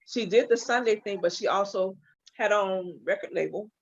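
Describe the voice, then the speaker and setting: Telling her story openly in a casual interview, a Los Angeles woman in her forties who does hair and makeup speaks in a mid-range voice at a moderate pace. She's animated now and then, and the audio is dull and lo-fi.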